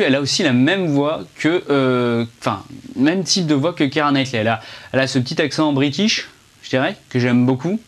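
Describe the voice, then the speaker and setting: Indoors under a ring light, a young man with a medium-pitched voice gives a film review to the camera. He is casual and chatty, rambling with lots of fillers and restarts.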